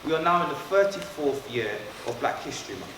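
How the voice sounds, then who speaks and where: A man's voice: a little high, animated, brisk. A man from London, born in Trinidad, leading a school assembly and speaking earnestly and directly to pupils. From born in Trinidad, raised in London. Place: school hall. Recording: echoey hall, far from mic, background noise.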